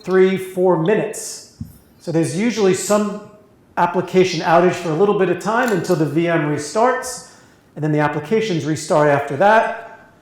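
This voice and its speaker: A man's voice: sits high, darkish tone. Man presenting in an echoey hall. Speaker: company presenter. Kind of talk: live presentation with questions. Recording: very echoey room audio.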